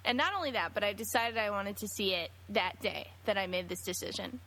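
A woman's voice: medium pitch, fairly quick, pushed and bright. A woman co-hosting a podcast, telling a chatty anecdote in casual conversation. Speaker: podcast co-host. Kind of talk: casual chat.

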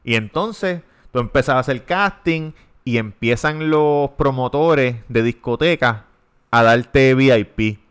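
Laughing Puerto Rican storyteller, clear voice. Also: male voice, medium pitch, slow pace. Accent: Puerto Rican Spanish. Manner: storytelling, swears freely, laughs often. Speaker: podcast host. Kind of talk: casual podcast chat.

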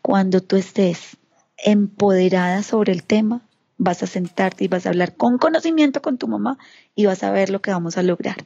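A Colombian woman with a paisa accent tells a heartfelt family story, slipping into the voices of her relatives as she goes. Her voice is mellow and warm. The recording sounds a little dull and lo-fi. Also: medium pitch, moderate pace, vocal fry. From Colombia, Antioquia region. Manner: animated, acts out quoted relatives. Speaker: interview guest, mother. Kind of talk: emotional personal storytelling.

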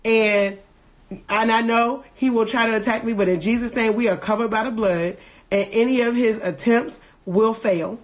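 A woman hosting a devotional livestream, reading scripture slowly and deliberately, then breaking into quick, animated asides. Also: fairly high pitch. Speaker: podcast host leading a devotional livestream. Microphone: phone livestream.

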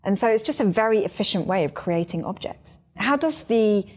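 A woman's voice: mid-range voice, animated, a little fast, a little mellow. Eager woman host explaining science. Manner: eager, explains things clearly. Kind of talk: conversational radio chat.

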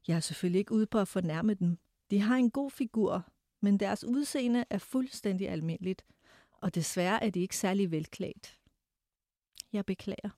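A man's voice: sits high, dark tone, no room sound, clean studio sound, close to an everyday voice. A woman reading aloud as a haughty, condescending male suitor who lectures and scorns.

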